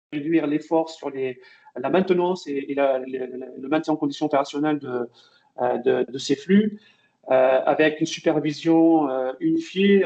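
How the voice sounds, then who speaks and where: A man's voice: fairly high pitch, mellow. A man giving a technical webinar presentation, hesitant, with many fillers and restarts. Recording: dull lo-fi webinar audio.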